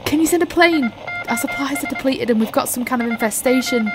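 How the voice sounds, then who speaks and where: In an audio drama, an actress voices an injured, desperate research scientist who is blunt, sharp-tongued and urgent. Her female voice sits high and moves briskly, with background noise behind it.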